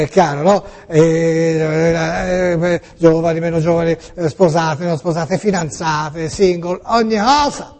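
A man's voice: a little high, a little mellow, long reverb tail. A middle-aged male radio and TV host in a casual, joking monologue, teasing and playful, full of small fillers and restarts.

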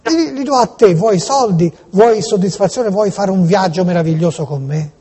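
A man with a Tuscan accent making a prank phone call, gushing with theatrical, insistent flattery. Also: sits high, moderate pace, slightly rough. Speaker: prank caller.

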